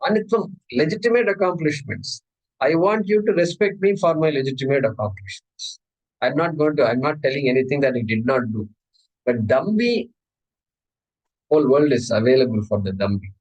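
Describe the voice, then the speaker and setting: A man's voice: medium pitch, lively intonation, normal speed, darkish tone, poor audio. Indian-accented man teaching a scripture class. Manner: repeats key words, checks with listeners. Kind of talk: explanatory scripture lecture.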